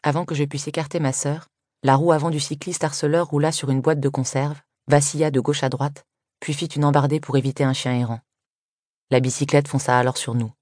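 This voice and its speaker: A woman reading a first-person story aloud in an even, measured way. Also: very deep voice, no room sound, clean studio sound. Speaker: audiobook reader. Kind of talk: scripted first-person narration.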